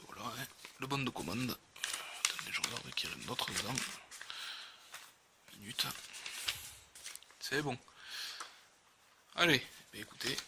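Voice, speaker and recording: A man with a southern French accent giving casual unboxing commentary as a video host, speaking haltingly and often repeating his words. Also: medium pitch, very noisy.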